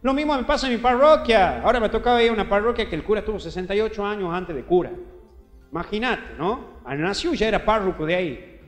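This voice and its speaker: A Paraguayan priest with a high-set voice delivers a lively homily, talking straight to the listener and acting out little dialogues. His voice rings through a roomy hall with a long reverb tail. Faint music sits underneath. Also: fast. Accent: Paraguayan Spanish. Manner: animated, acts out quoted dialogue; colloquial, addresses listener directly. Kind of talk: homily reflection.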